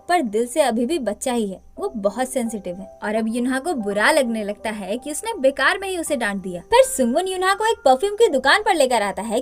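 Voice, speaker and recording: High, lively woman retelling a drama. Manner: chatty, playful asides to viewers. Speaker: drama recap narrator. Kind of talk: casual storytelling recap.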